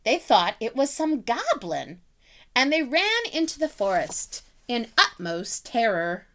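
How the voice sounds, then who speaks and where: Woman, storybook read-aloud, very slow, bright voice. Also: fairly high pitch. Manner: slow, animated storytelling with voiced animal sounds. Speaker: teacher reading aloud.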